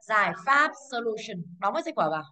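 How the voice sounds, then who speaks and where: A woman's voice: on the high side, big pitch swings, brisk, pushed and bright. A woman teaching English to a class, quizzing pupils and drilling pronunciation. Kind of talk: classroom lesson.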